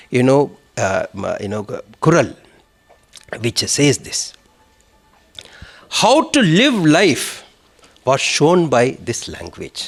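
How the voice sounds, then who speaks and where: Male speaker, lively rising-falling delivery, fairly high voice, halting with fillers. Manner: animated, many fillers and restarts. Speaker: conference speaker. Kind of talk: lecture on Tamil literature.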